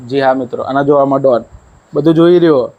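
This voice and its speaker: A man's voice: mid-range voice, a little fast, dull audio. A young man chatting casually in a family vlog at home at night, coaxing his small child in between. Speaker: vlogger. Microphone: handheld mic.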